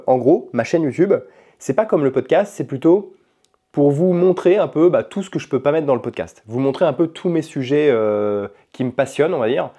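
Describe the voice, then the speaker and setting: A man chatting casually at home in a vlog about language learning, talking in a relaxed, rambling way with frequent hesitations. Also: medium pitch. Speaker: language-learning vlogger and podcaster. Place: at home in his apartment.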